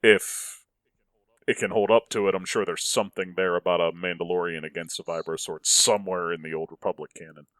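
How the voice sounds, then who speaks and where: Male podcast host, low voice, dry close sound, earnest arguer. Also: fairly even intonation, a little fast, fairly bright tone, no room sound. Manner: earnest, builds arguments, frequent restarts. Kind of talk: casual podcast chat.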